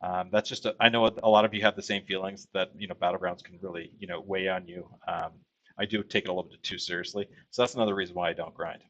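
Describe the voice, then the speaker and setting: A man's voice: low-pitched, steady tone, quick pace, muffled recording, a little hiss or hum. A man from Texas hosting a casual livestream, rambling with many fillers as he reads viewer comments aloud. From Texas, USA. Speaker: livestream host.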